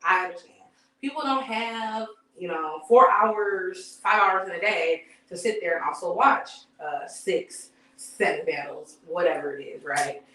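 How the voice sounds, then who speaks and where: A woman's voice: lowish voice, measured pace, pushed and bright, far from the mic. Profane woman recapping, echoey room. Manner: loose, profane and conversational, with frequent fillers and sighs. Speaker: battle rap recap host. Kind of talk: casual live-stream commentary.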